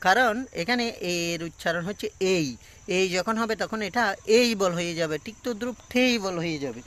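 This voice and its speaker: Guy filming himself on his phone outside, high voice, crickets chirping behind, says each word over and over. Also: fairly bright tone. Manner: explains slowly, repeats words, many fillers. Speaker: English pronunciation teacher. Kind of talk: casual self-recorded lesson. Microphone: phone front camera.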